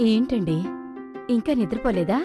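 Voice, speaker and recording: Bossy scolding mom, played by a woman, high lively voice, talks fast, film comedy. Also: music in the background, natural voice. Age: middle-aged. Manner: sharp scolding. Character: bossy middle-aged mother, scolding her brother. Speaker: mother and elder sister. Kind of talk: dubbed Telugu film comedy.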